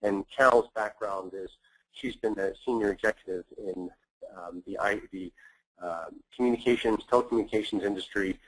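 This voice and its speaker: Man, webinar host, low pitch, measured delivery, frequent fillers. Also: poor audio. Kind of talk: presenting a business webinar.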